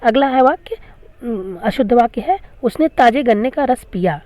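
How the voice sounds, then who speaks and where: Higher-voiced woman teaching grammar patiently. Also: lively intonation, moderate pace, a little mellow, no room sound. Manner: patient, repeats each question and answer. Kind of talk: classroom grammar lesson.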